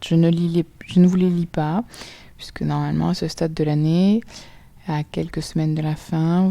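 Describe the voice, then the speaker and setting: A woman with a French accent teaching a recorded phonics lesson to children, spelling sounds out slowly and clearly letter by letter. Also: fairly low pitch, mellow, dry recording.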